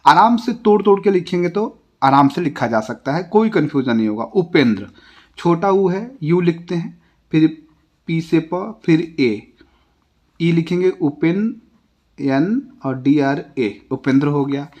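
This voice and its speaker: An Indian man teaching a classroom lesson, spelling words out letter by letter in a slow, patient way and dropping his voice at the end of each example. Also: a little high, animated, darkish tone. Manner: ends each example with a falling tone.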